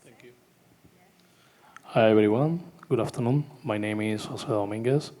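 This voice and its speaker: A man's voice: lowish voice, moderate pace, warm tone. A man working as an artistic director, introducing himself politely and formally.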